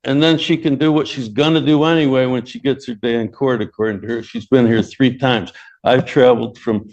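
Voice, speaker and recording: A man arguing as an attorney in court, measured and restarting his phrases often. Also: mid-range voice, steady tone, a little mellow, highs cut off. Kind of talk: courtroom argument.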